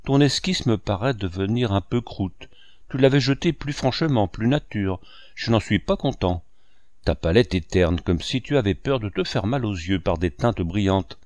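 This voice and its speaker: A man reading an audiobook, voicing a precocious young boy who speaks curtly, dryly and gravely. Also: lowish voice, animated, moderate pace, a little mellow, no room sound, natural voice. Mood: curt, severe. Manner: curt, dry and grave. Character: precocious blunt young boy, serious critic.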